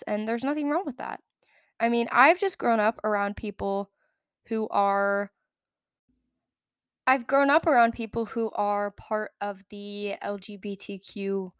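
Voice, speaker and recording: A woman's voice: medium pitch, clean tone, dry recording. Chatty young woman podcaster, dry sound. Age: young adult. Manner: chatty, rambling, self-correcting. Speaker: podcast host. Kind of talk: casual solo podcast storytelling.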